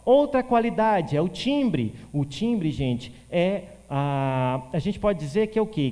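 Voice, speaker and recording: A man from teaching physics for exam prep, animated, answering questions he voices himself for a student. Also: sits high, long reverb tail. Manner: animated, plays the student asking questions in a shifted voice.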